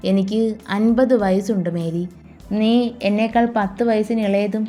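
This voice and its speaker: A woman's voice: mid-range voice, fairly even intonation, normal speed, mellow, soft background music, lightly acted. A woman voicing a sly, scheming older man. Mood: coaxing. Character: scheming 50-year-old man, smooth and sly.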